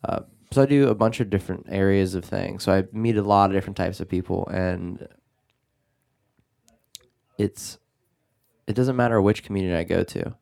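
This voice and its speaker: A man's voice: low voice, normal speed, creaky, long pauses, darkish tone. A man hosting a podcast in casual chat, easygoing and running his thoughts together. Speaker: podcast host.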